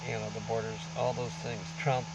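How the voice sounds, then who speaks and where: A man talking through a face mask in a rambling, informal monologue to camera, halting but emphatic as he lectures. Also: medium pitch, flat delivery, far from the mic, very noisy. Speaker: vlogger. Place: outdoors on a beach.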